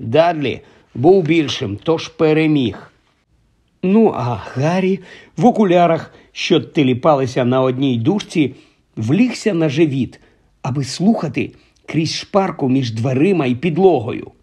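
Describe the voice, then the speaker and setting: Expressive male storyteller, husky tone, animated delivery. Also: a little high, a little slow. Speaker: audiobook narrator. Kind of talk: audiobook narration.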